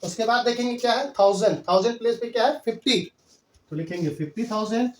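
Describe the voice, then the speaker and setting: In a Hindi-English mix, this man teaches maths at a quick pace with a very high voice, patiently and repetitively counting out place values one step at a time. The recording sounds echoey, and he seems far from the microphone.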